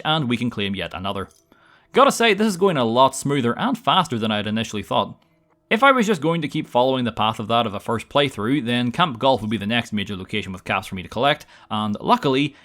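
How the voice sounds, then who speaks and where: Wry, very animated male game narrator. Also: mid-range voice. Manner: wry, casual, tongue-in-cheek. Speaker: gaming video narrator. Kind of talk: scripted gameplay narration.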